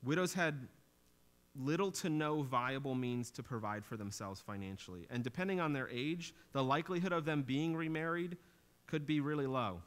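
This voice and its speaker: On a small church stage with a drum kit, a pastor in his thirties preaches at a moderate pace in a mid-range voice. He explains scripture earnestly, like a teacher, and his tone rises when he wants to stress a point.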